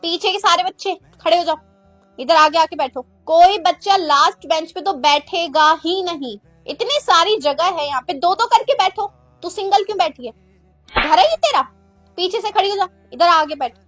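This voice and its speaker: A sharp-tongued, strict schoolteacher, played by a woman, fires off scolding questions and threats at her class. The voice sits very high, and the delivery is bossy and relentless, as in a comedy skit. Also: normal speed, dry recording, faint music behind. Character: harsh strict female schoolteacher scolding pupils.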